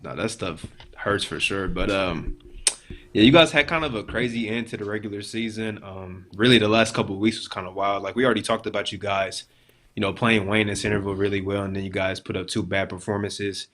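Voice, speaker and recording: A man's voice: on the low side, steady tone, brisk, a bit bright. A young man co-hosting a show, asking questions in a casual sports interview style. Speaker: co-host interviewer.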